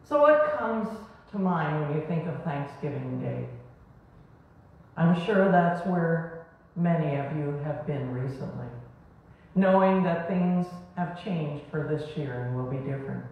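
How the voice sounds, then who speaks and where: A woman preaching a sermon in a small church, her slow and deliberate words rising and falling for emphasis. The sound comes from a camera well across the room, so heavy echo fills the space and the audio is dull and muffled. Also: sits low, expressive, far from the mic. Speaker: pastor. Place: small church sanctuary, indoors. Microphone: far camera.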